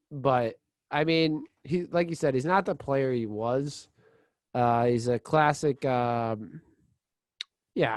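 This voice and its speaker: A man's voice: mid-range voice, no echo. Rambling sports podcast guy, dry sound. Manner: rambling, heavy on "like" and restarts; excitable, laughs easily. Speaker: podcast co-host. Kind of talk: casual sports chat.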